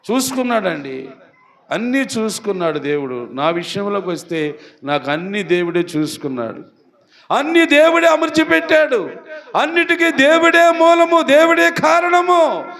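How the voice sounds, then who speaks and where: A male pastor preaches to his congregation in a prayer hall with a strikingly high-pitched voice. He hammers his points home through repetition and keeps firing rhetorical questions at the listeners. His delivery is emphatic throughout. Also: vocal fry, a bit bright. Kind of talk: sermon.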